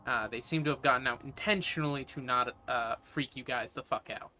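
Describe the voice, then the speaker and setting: A man's voice: medium pitch, fairly quick, bright, forceful tone, faint music behind. A man narrating a tabletop game as game master, casual and rambling with lots of swearing.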